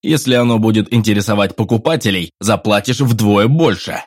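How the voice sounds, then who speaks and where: A man's voice: on the low side, a little fast, no room sound, studio quality, natural voice. A man voicing an eager adventurer. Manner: enthusiastic, pleading. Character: eager adult male adventurer-trader. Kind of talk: audiobook reading.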